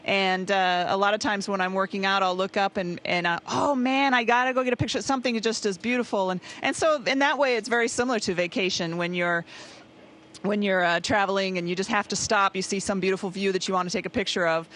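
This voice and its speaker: A woman's voice: mid-range voice, fairly quick. A woman speaking as an astronaut in a casual, conversational interview. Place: aboard a space station. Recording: faint equipment hum. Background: faint steady ambient noise.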